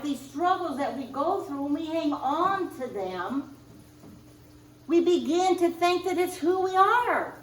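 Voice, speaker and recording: A woman minister preaching a sermon, speaking in slow, emphatic spiritual affirmations, recorded in a church sanctuary. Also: high-pitched, slight background noise. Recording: roomy distant church recording.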